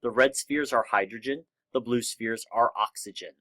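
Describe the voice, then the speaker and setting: A man's voice: mid-range voice, normal speed, pushed and bright. Casual male chemistry lecturer. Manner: casual, explanatory, with fillers. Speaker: chemistry instructor. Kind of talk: recorded lecture over slides.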